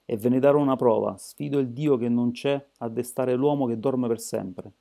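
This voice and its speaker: A man's voice: medium pitch, fairly even intonation, a little fast, warm tone, natural voice. A man voicing an angry, argumentative atheist demagogue in an audiobook. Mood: furious.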